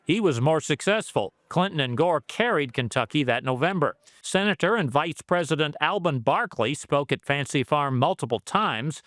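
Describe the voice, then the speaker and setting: A male news reporter narrating a history piece. His voice is somewhat high with a lively, rising and falling delivery. The sound is dry and close. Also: no room sound.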